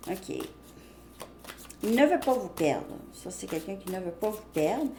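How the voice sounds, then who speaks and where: A woman's voice: medium pitch, very animated, measured pace, warm tone. A woman giving a casual tarot card reading, chatty and thinking aloud with lots of fillers. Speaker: tarot reader. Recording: echoey room, faint background noise.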